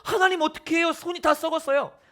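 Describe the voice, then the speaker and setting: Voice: medium pitch, sing-song, measured pace, sharp tone, full character voice. A preacher acting out Moses as a nervous man making excuses, whiny and pleading. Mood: panicked. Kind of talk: sermon retelling with acted voices.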